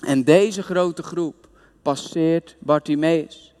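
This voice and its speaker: Male preacher telling a bible story, emphatic, higher voice, big echoey hall. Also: slow, a little mellow. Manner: emphatic storytelling, retelling scripture scenes. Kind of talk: sermon.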